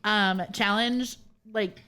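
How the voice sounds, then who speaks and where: A woman's voice: mid-range voice, steady tone, slow pace, sharp tone, clear, resonant tone. A woman co-hosting a casual podcast chat, easygoing and full of fillers, leading the sign-off. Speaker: podcast co-host.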